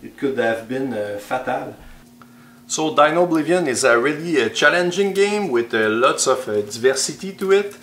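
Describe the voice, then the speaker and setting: A man's voice: mid-range voice, lively intonation, moderate pace, a bit bright, roomy sound. A man with a French accent, a game designer non-native in English, talking through a solo board game with many hesitant fillers as he counts cards aloud.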